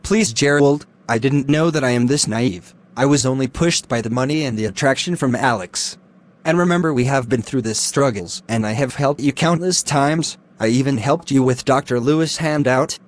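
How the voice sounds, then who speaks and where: In amateur drama acting, a young man plays a desperate student who keeps begging a friend for help, his mood pleading and his voice insistently begging. He has a mid-range, natural voice at a moderate pace.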